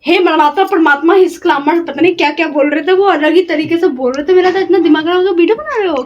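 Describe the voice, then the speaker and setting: A woman's voice: very high-pitched, fairly even intonation, fast talker, dull audio, a little hiss or hum. A young woman telling family stories in casual chat, laughing often and mimicking her relatives. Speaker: storyteller.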